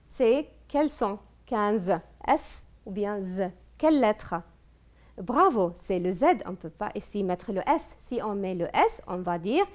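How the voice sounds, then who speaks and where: A woman's voice: medium pitch, a little mellow. A woman teacher giving a televised review lesson, patiently asking questions and praising answers.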